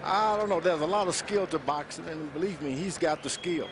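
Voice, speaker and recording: A plain-spoken man with a fairly high voice offers conversational boxing analysis, circling back over his phrases. The arena noise around him is very loud. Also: brisk. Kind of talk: conversational sports commentary. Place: ringside in an arena. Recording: very noisy arena broadcast.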